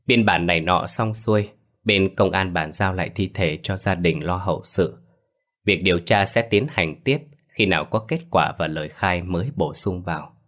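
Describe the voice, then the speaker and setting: A man narrating a scripted horror story in a steady, matter-of-fact way. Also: deep voice, normal speed.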